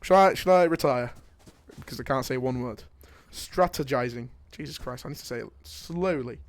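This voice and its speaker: A young esports caster calls a live match in a medium-pitched, brisk voice, joking and excitable. He shouts during big plays and slips into quiet asides in between.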